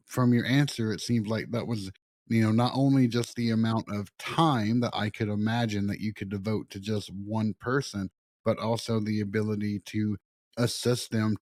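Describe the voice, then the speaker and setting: Measured, lower-voiced man hosting a podcast. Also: a little mellow, no echo. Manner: measured, formal wording, deliberate. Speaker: podcast host. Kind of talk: interviewing, long reflective questions.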